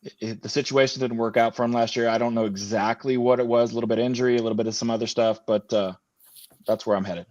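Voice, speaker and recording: A man's voice: mid-range voice, steady tone, quick pace, a little mellow, no room sound. A man talking fantasy football as a podcast guest in casual chat, rambling with lots of fillers and restarts. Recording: dull lo-fi remote audio.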